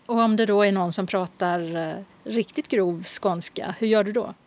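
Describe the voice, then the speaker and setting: A woman interviewer asking short, calm questions in a relaxed conversation. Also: medium pitch. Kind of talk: radio-style interview questions.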